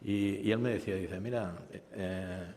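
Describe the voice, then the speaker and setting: A business school panelist speaks on a conference stage in a fairly low, steady, unhurried voice with a darkish tone. He stammers into restarts and tags his points with questions, and the hall around him is reverberant.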